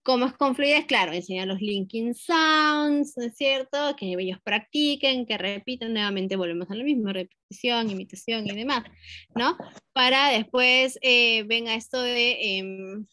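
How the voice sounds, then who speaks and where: A woman who teaches English gives a lesson to fellow teachers. Her voice sits a little high and sounds very bright. She works through each point, checks in with tag questions and slips English teaching terms into her speech, in a dry recording with no room echo. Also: unhurried. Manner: explains step by step, often ending with tag questions. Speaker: English teacher giving a training session.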